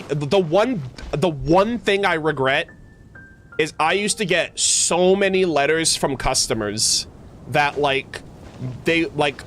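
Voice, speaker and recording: A video game streamer reminisces and answers viewers in a rambling, casual way, saying "like" often, with background music playing. His voice is a little high and a bit bright, and the recording carries a little hiss or hum.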